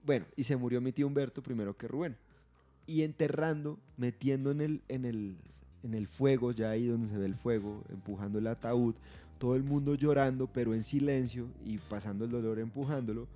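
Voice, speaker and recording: A man with a Colombian accent, co-hosting a casual podcast chat as an animated storyteller who laughs at his own tales. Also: mid-range voice, brisk. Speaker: podcast co-host.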